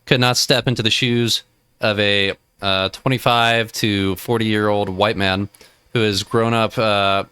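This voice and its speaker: Low smooth-voiced man commentating. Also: fairly even intonation, unhurried, pushed and bright, no room sound. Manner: rambling, talks over the clip with asides. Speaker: reaction video host. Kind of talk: casual commentary.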